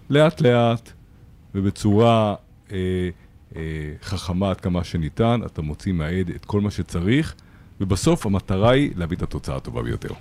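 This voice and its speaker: Lawyer on radio, really deep dark voice, calm, short answers. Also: male voice. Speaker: guest lawyer.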